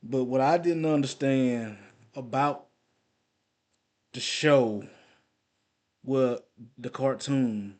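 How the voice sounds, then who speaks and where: A man in his forties telling nostalgic stories in a loose, rambling way. He uses lots of slang and filler, circles back on his own sentences, and keeps his pitch in a middle range for a man. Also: very slow, pauses often, darkish tone. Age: 40s. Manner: rambling, slangy, repeats himself. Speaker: vlogger. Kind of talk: casual nostalgic storytelling.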